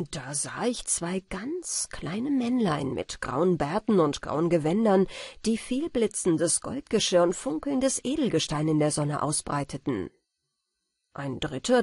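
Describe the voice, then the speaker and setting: Storybook narrator, woman, husky, calm bedtime reading, dry. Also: lowish voice, dry recording. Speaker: audiobook narrator.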